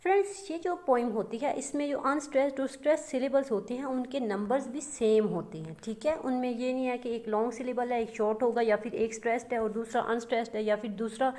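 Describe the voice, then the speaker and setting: Female teacher, slightly high voice, walking viewers through a lesson in a patient, repetitive way. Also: brisk, hardly any pauses, darkish tone. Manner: addresses listeners as friends, repeats points with frequent fillers. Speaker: English literature teacher. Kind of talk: explanatory lecture.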